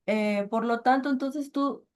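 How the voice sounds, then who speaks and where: A woman's voice: high-pitched, measured pace. Hesitant woman teaching a casual lesson. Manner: hesitant, thinking aloud, keeps checking with listeners. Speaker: Quran and Arabic teacher.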